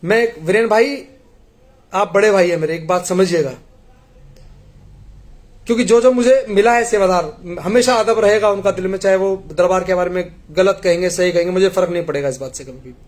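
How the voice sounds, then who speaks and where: A man's voice: high-pitched, brisk. A middle-aged man from India earnestly pleading with a congregation, telling parables in a devotional appeal.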